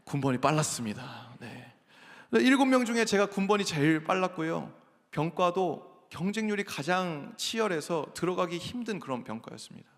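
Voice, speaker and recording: Male pastor in his thirties, mid-high gravelly voice, earnest storytelling sermon in a reverberant church hall. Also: big pitch swings, moderate pace. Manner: earnest storytelling, acts out quoted lines. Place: large church sanctuary. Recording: echoey sanctuary with long reverb.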